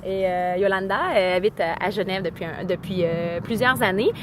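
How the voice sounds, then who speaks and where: A woman's voice: mid-range voice, fairly even intonation, moderate pace, slight background noise. A woman from Quebec with a Québécois accent, talking in a casual, rambling vlog and switching between French and English, heartfelt and full of fillers. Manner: enthusiastic, heartfelt. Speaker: vlogger.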